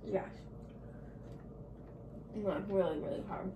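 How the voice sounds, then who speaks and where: A woman casually tasting snacks with a friend, talking in a relaxed, hesitant way. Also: medium pitch, slow, background noise. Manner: relaxed, hesitant, plenty of likes. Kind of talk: casual unboxing taste test. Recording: echoey room, mic far off.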